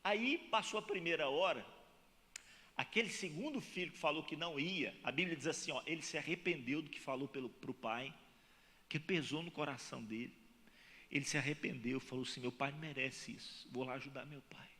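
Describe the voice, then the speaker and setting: A man's voice: a little high, brisk, pushed and bright. A Brazilian man preaching a sermon as pastor, acting out dialogue in different voices. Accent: Brazilian Portuguese. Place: church hall. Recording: long reverb of a church hall.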